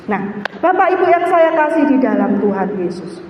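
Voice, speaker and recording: Woman, middle-aged, pastor's wife, church testimony, pitch jumps to near-shouts, far from mic, long hall reverb. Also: moderate pace, slight background noise. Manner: animated, pitch leaping high at emotional peaks, nearly shouting. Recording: echoey dull hall recording from far off.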